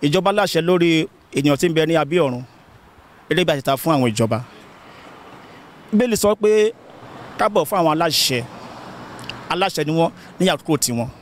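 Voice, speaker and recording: A man with a Nigerian accent answers questions outdoors into a handheld mic. He speaks rapidly and with animation, his voice fairly high. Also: animated, slight background noise. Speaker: street interviewee.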